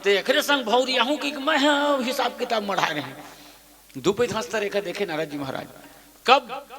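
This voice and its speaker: A man with a Chhattisgarhi accent expounds the Ramayana in a very high, piercing voice. His delivery is bright and forceful. He laughs as he goes, acts out the lines he quotes, and keeps drawing call-and-response chants from the crowd in a lively devotional discourse. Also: big-room sound. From Chhattisgarh, India.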